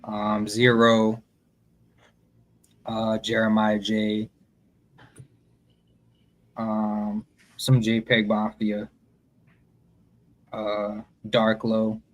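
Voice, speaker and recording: Co-host, male, low and unhurried, casual list-style chat. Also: completely flat delivery, rough recording. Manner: slow, listing with many ums. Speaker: podcast co-host.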